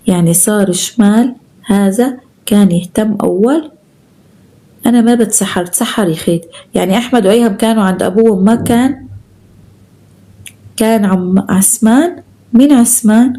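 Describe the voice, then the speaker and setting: A woman's voice: medium pitch, warm tone. A woman with a Syrian Arabic accent hosting a live stream, chatting casually as she reads out viewer comments and showers them with endearments.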